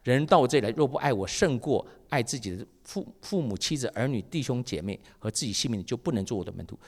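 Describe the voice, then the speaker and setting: Male pastor preaching a sermon with lively storytelling; reverberant hall. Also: medium pitch, quick pace. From Taiwan. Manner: lively storytelling with acted dialogue.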